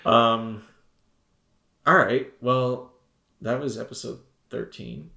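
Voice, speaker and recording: A man's voice: mid-range voice, steady tone, slow, gravelly, sharp tone. A man co-hosting a podcast in casual chat, rambling and joking, often trailing off mid-thought. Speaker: podcast co-host.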